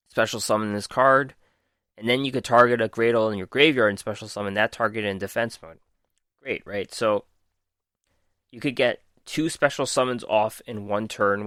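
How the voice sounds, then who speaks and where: A man's voice: mid-range voice, fairly bright tone, clean tone, no echo, clean studio sound. A man hosting a podcast, methodically reading out card text and reviewing it with frequent ums while losing his voice. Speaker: podcast host. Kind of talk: casual card game review.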